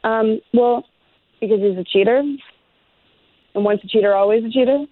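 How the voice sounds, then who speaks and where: A woman's voice: fairly high pitch, fairly even intonation, moderate pace, no room sound. Woman on a tinny phone line. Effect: over the phone. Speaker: person called on air.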